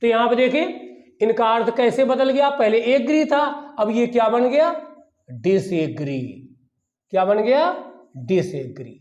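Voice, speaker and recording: A man's voice: extremely high pitch, very animated, a little slow, darkish tone, highs cut off. A male teacher giving a grammar lesson, repeating key points and asking questions that he answers himself. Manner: repetitive, asks and answers his own questions. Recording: echoey room.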